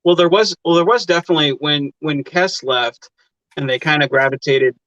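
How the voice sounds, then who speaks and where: A man's voice: a little high, normal speed, a bit bright, no room sound. A man hosting a casual interview, rambling and repeating himself with lots of you-knows. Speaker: interview host. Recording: dry, dull lo-fi mic.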